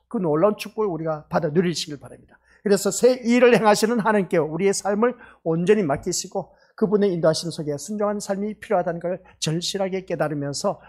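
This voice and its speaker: A man preaching a sermon as pastor of a church, earnest and lively, telling a story about children with quoted dialogue. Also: high-pitched. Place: church sanctuary.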